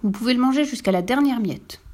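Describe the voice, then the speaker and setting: A woman's voice: on the high side, animated, fast, a little mellow, pitched above the performer's own voice. A group of polite, cheerful young children, as a woman reading aloud puts them on. Their voice stays close to the storyteller's own, light and friendly, from a children's storybook.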